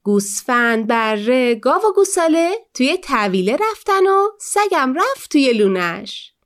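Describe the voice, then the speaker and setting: High-voiced woman telling a children's story. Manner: expressive storybook narration with lively voices for animals.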